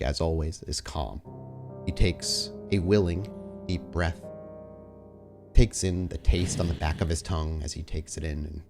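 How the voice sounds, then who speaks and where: A man with a low, slightly mellow voice acts as storyteller for a tabletop roleplaying game. He narrates in a descriptive, cinematic way, setting each scene vividly.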